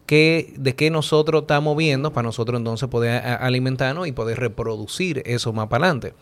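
Speaking a little fast in a mid-range voice, this guest from the Dominican Republic talks through ideas in a relaxed philosophical conversation. His Dominican accent comes with many fillers and frequent "¿tú entiendes?" asides as he thinks aloud.

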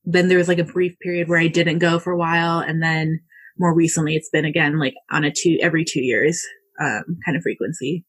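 A young woman from the United States chats easily through a casual interview, speaking a little fast in a deep, soft, breathy voice with a slight husk. Relaxed and unguarded, she links her thoughts with frequent likes and ums.

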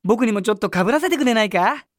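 A woman voicing a greedy, sly male deer in a children's storybook reading, talking in a gruff, coaxing way. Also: a little high, animated, fast, no room sound, clean studio sound, close to an everyday voice. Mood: envious. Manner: gruff and coaxing, then mocking.

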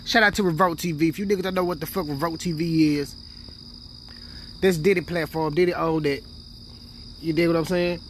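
A man's voice: fairly high pitch, fairly even intonation, brisk, pauses often, a bit bright, slight background noise. A man hosting his own podcast in loose, boastful street slang, full of profanity and filler tags like "you dig" and "you know what I'm saying". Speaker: podcast host. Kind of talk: casual profane podcast chat. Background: faint crickets and insects.

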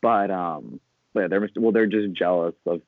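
A man co-hosting a podcast, chatting about a movie and making quick jokes. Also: low voice, no echo. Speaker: podcast co-host. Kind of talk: casual movie discussion. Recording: tinny phone-like dry sound.

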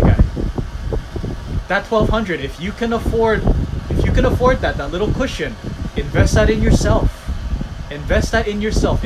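Fired-up Hawaiian man, loud wind. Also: a little high. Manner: emphatic, preachy, repeats key phrases. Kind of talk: casual chat. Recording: loud wind noise outdoors.

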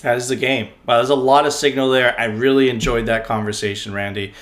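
A man from Miami hosting a podcast, chatting casually with quick reactions and rhetorical questions. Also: medium pitch, fairly even intonation, fairly bright tone. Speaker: podcast host.

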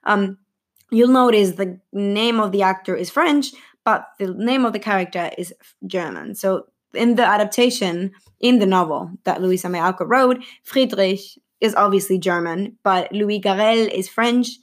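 Chatting at normal speed in a mid-range voice, a young woman vlogs about a film's cast. Her talk is rambling and giggly, full of fillers and self-corrections.

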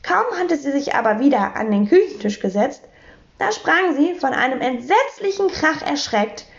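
A woman reads a children's story aloud, her high voice lively and swinging through wide pitch. The recording sounds muffled and lo-fi. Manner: expressive, animated. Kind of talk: reading a children's book aloud.

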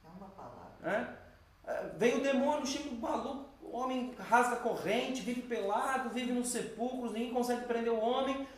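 A man preaching a sermon, telling stories in an animated way and acting out the voices he quotes. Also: very high voice, moderate pace, heavy reverb, recorded from a distance.

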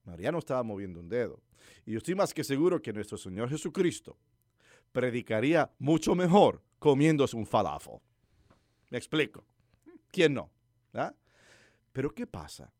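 Animated preacher man, dry sound. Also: mid-range voice, normal speed, pauses often, no echo. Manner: animated storytelling preacher, asks listeners questions. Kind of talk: conversational sermon.

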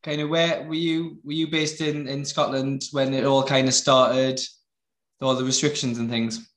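A man's voice: medium pitch, level tone, normal speed, a bit bright, echoey room. A man interviewing casually, with hesitant questions full of "kind of". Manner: hesitant, many "kind of" fillers.

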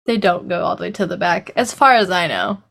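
A woman's voice: on the low side, lively intonation, fairly quick, gravelly, a bit bright. Playful, crude-joking woman podcaster. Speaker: podcast co-host. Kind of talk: casual comedy banter.

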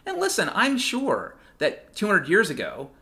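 A man's voice: sits high, wildly swooping pitch, measured pace, bright, forceful tone. A male podcast host delivering a heated, sarcastic monologue, swearing often. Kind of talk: profane ranting monologue.

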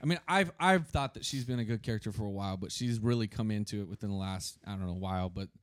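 A man co-hosting a casual wrestling chat, excitable, swearing and laughing often. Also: lowish voice, fast talker, no room sound, studio quality. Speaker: podcast co-host.

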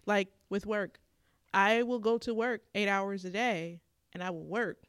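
A woman's voice: medium pitch, fairly even intonation, a little slow, smooth, no echo. Woman talking things over, earnest and thoughtful, dry close sound. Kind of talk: casual chat.

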